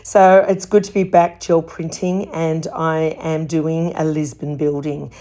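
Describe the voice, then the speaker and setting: A woman with a hoarse, croaky voice talks through her art process in a gentle, explanatory way. Her voice sits low and her pace is unhurried, like a calm tutorial voice-over. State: hoarse from laryngitis. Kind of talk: calm craft demonstration voice-over.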